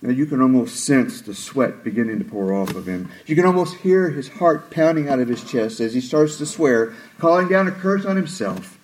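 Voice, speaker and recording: Male preacher, mid-pitched voice, animated sermon delivery with dramatic quotes. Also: poor audio. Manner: expressive, acts out quoted lines with rising pitch and slowed delivery.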